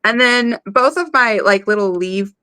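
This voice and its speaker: A woman co-hosting a podcast, easygoing and quick to giggle. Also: a little high, bright, forceful tone, smooth. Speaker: podcast co-host. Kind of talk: casual chat.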